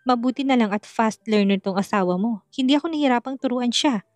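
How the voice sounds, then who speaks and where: A woman's voice: on the high side, a little fast, no room sound, natural voice. A woman voicing a stern but caring older mother-in-law in a narrated story, firm and scolding yet tender. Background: faint music.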